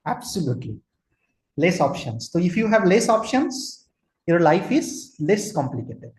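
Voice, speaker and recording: A man's voice: sits high, sing-song, unhurried, darkish tone. A man in his forties from Kolkata with an Indian English accent, giving an online lecture, asking listeners questions and slipping into Hindi. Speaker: trainer, lecturer. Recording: roomy echo.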